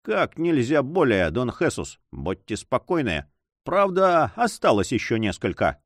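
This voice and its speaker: A composed young nobleman speaks with easy courtesy and a hint of irony. His lines move with lively rises and falls. A man reads him in an audiobook. The sound is close and dry. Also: mid-range voice, unhurried, dry recording. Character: young male count, cool and courteous.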